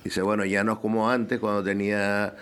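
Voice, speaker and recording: A man's voice: fairly low pitch, little pitch movement, normal speed, fairly bright tone, clean tone. A man on a roundtable panel, easygoing and hesitant, often restarting his sentences. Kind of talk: casual roundtable chat.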